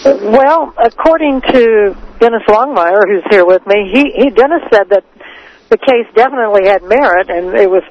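A woman's voice: medium pitch, lively intonation, moderate pace, highs cut off, a little hiss or hum. A woman reporting live from outdoors over a phone-in, plain-spoken and blunt with some fillers. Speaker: field reporter. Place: outdoors outside a prison.

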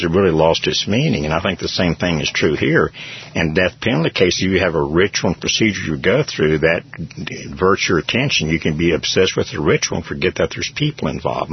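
Lecturing male radio co-host, deep rough voice, muffled lo-fi broadcast. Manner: opinionated, lecturing. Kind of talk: radio talk show discussion.

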